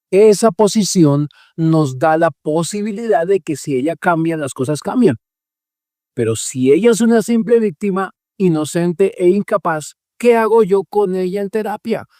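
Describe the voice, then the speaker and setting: Man, radio host and psychologist, emphatic, rhetorical questions, slightly high voice, dry close sound. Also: mellow, no echo. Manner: acts out patients' voices in quotes. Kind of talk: radio talk on marriage therapy.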